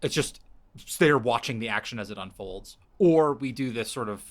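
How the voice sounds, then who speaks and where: A man's voice: medium pitch, lively intonation, normal speed. Rambling male podcast host thinking aloud. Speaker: podcast host pitching a story. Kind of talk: casual chat.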